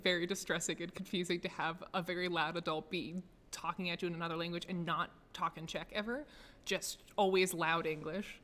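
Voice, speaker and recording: A woman's voice: on the low side, fairly bright tone, in a large hall. An American woman hosting a casual live stream, chatting and laughing often as she pokes fun at herself. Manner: laughs often, self-deprecating. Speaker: streamer host. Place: office.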